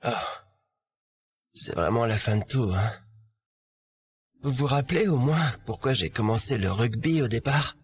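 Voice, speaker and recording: An actor dubbing a wronged young male athlete in a drama, indignant and pleading, with a husky voice. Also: mid-range voice, animated, unhurried, pauses often, a little hiss or hum, lightly acted. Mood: sad. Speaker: young rugby player Liam. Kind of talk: French-dubbed drama.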